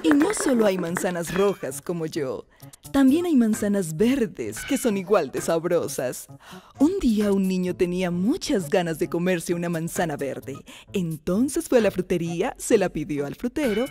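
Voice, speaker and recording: A woman's voice: fairly low pitch, big pitch swings, normal speed, mellow. A woman voicing a cheerful talking apple who narrates a cartoon and tells jokes, speaking in an affectionate, theatrical way. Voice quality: affectionate, theatrical, blowing kisses. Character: cheerful talking apple, female, loves her audience. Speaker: narrator and joke teller. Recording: faint background music.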